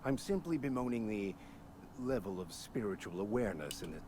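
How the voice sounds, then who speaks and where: A stuffy male bureaucrat from a video game. He is pompous and dryly sardonic, with a lowish voice that moves around a lot, over clear background noise. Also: very animated, fairly quick. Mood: condescending. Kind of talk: video game character dialogue.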